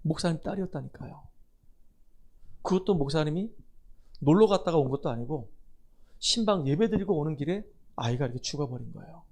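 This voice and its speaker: A middle-aged male pastor preaches in a church sanctuary with a slightly raised pitch. He tells stories and acts out the dialogue. He builds to emphatic appeals to the congregation. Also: animated, a little fast, vocal fry, long pauses, darkish tone. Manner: storytelling, acting out dialogue, rising to emphatic appeals. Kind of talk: sermon.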